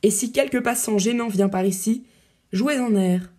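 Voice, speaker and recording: A woman reading the part of a bold, scheming male swordsman-poet who gives hushed, urgent orders. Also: a little high, normal speed, close to an everyday voice. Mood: commanding.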